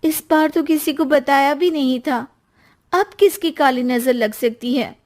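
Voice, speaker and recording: A woman's voice: high-pitched, unhurried, a little mellow. A woman voicing a cheerful, trusting young wife in a cartoon story. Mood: anxious.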